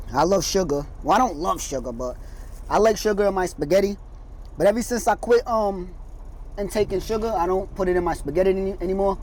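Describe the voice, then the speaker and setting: A man's voice: high voice, darkish tone, rough recording. A man, a truck driver, chatting casually from his truck cab. He speaks with a slight slur and lisp from braces, in an easygoing, slangy, rambling way. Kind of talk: casual chat.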